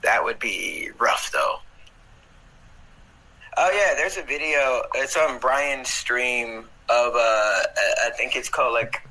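A man's voice: mid-range voice, slow pace, sharp tone, low-quality recording. A man hosting a livestream over a video call, bantering casually with jokes and profanity. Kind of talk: casual chat.

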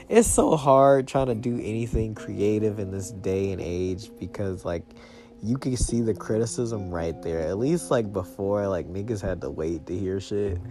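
A man's voice: on the low side, creaky, darkish tone. A young man chatting casually as a solo podcast host, in loose, slangy bro talk. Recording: music playing behind the voice.

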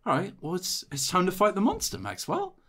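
A man's voice: high-pitched, wildly swooping pitch, brisk, a bit bright, husky, voice pushed up, exaggerated voice. A man voicing a smug, manipulative woman in charge who talks down to everyone. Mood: coaxing. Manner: condescending, patronizing.

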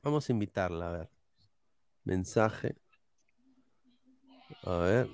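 A man hosting a sports podcast, talking slowly and haltingly while he jokes and reads out chat messages. His voice is smooth and clear, recorded dry and close. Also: sits low, lively intonation, darkish tone, no room sound. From Peru. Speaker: podcast host. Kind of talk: casual sports podcast banter.

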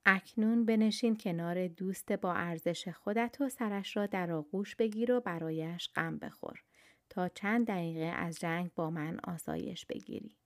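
A woman voicing a mighty, mocking male hero warrior in a told story, in a low, even storybook voice. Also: no room sound, clean studio sound, lightly acted.

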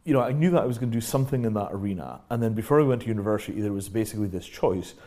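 A middle-aged British man speaking as an interview guest. He talks reflectively and acts out the reactions he quotes with sudden lively jumps in pitch. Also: rapid-fire. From Britain. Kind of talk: casual conversational interview.

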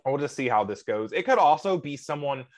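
A man's voice: fairly high pitch, animated, fairly quick. A young man co-hosting a casual podcast, rambling and gushing with frequent laughs. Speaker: podcast co-host.

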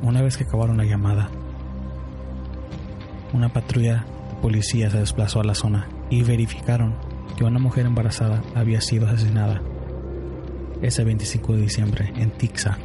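Low flat guy narrating a grim true story, music underneath. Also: brisk, pauses often. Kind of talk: scripted narration. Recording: music bed behind voice.

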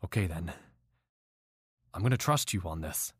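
A man voicing a desperate, volatile captor who pleads softly and then screams in rage, in an audio drama. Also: sits low, animated, moderate pace, slightly rough, dry recording, clean studio sound, heavily acted. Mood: pleading, tense. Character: desperate man holding a woman captive, volatile.

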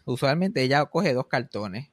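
Lively young man telling stories, dry sound. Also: mid-range voice, measured pace, no echo. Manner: lively storyteller, swearing and mixing in English phrases. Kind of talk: casual chat.

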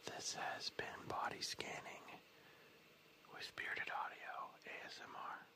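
A man whispering as an ASMR host, leading a guided body scan with soft, soothing instructions and the odd casual aside. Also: unhurried.

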